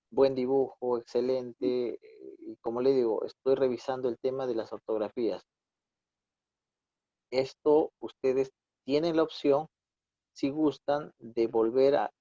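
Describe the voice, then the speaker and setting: A man with a Peruvian Spanish accent teaching an online class, patiently correcting his students and tagging his sentences with quick checks. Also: mid-range voice, warm tone, no echo. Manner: corrective, patient, repeats "¿no?" often. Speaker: instructor. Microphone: computer mic on a video call. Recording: dull dry video-call audio.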